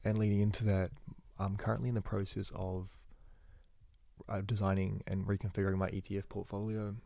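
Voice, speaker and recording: Young male student, deep monotone with gravel, quick rambling self-corrections, dry close phone recording. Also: no room sound. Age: young adult. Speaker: university student vlogger. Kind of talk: casual spoken journal. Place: indoors at home.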